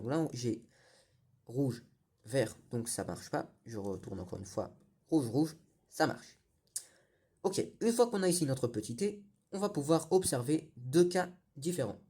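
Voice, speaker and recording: A man's voice: fairly high pitch, mellow, slightly rough. A young man giving a patient step-by-step tutorial, often correcting himself. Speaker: cubing tutorial host.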